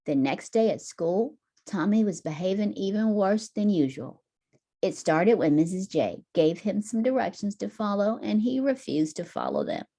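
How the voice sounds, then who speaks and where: A woman teacher reads a picture book aloud to children, telling the story in an expressive, deliberate way. Her voice is mid-range and gravelly.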